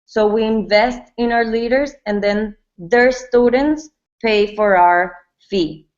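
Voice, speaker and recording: Speaking slowly in a slightly high, a little mellow voice, a Venezuelan woman who co-founded a yoga brand casually responds to interview questions, often restarting and repeating words. The recording comes from a webinar call mic and sounds dull and lo-fi.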